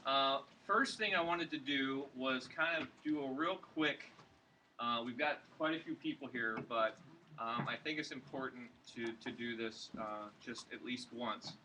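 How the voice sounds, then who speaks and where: A man's voice: medium pitch, measured pace, sharp tone. Male event host from Florida, filler-heavy and casual, distant mic, noisy room. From Orlando, Florida. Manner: loose, filler-heavy, many "uh"s. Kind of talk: welcoming a live event crowd. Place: large indoor event room.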